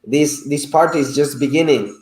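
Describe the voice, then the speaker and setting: A man's voice: a little high, a loud crowd. Guy chatting, stops to find words, kinda echoey room. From El Salvador. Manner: halting, searching for words. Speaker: guest. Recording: roomy echo.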